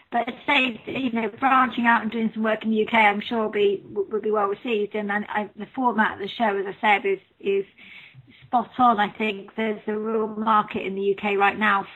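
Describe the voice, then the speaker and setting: A woman's voice: mid-range voice, flat delivery, moderate pace, phone-quality sound. A middle-aged woman with a British accent, conducting a conversational interview.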